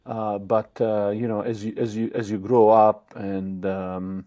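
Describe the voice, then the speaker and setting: Lowish and mellow, with a flat delivery, the voice belongs to a Bosnian man being interviewed. He answers thoughtfully, hesitating often and filling gaps with fillers and restarts.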